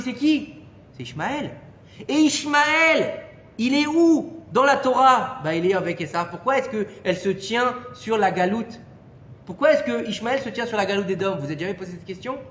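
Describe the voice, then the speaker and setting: Man, Torah teacher, lively questioning manner, roomy echo, faint background hiss. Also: high-pitched. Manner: animated, questions the listeners and adds "d'accord?". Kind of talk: informal Torah lesson to a small group. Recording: echoey room with long reverb and faint noise.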